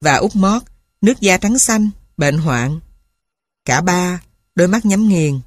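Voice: medium pitch, animated, takes it slowly, no room sound. Audiobook narrator, somber and emotional, dry close-miked sound. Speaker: storyteller.

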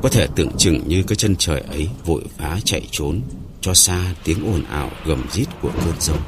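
A man narrating a dramatic story in a measured, dramatic way. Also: very deep voice, heavy background noise.

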